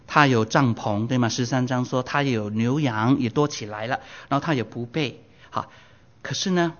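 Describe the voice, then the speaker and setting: A man in his sixties preaching a Bible sermon, his voice surging high and loud for emphasis and slipping in English phrases. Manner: drops English phrases into Mandarin. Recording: dull lo-fi recording.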